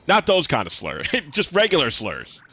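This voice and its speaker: A young male streamer with a slight lisp banters casually with viewers during a game, laid-back and swearing here and there. His fairly deep, husky voice swoops wildly in pitch at a normal pace and sounds pushed and bright, with faint music underneath.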